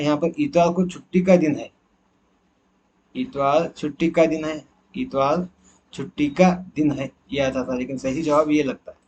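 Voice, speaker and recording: A man's voice: on the high side, darkish tone, dull audio, a little hiss or hum. A man teacher going through exam questions one by one, asking and answering his own questions as he explains. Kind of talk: exam answer key walkthrough.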